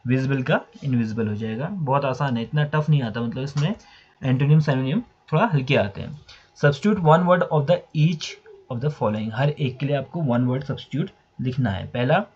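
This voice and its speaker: A man's voice: mid-range voice, animated, normal speed, darkish tone, husky. A man teaching English vocabulary, explaining meanings and spelling words out letter by letter. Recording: dull lo-fi recording.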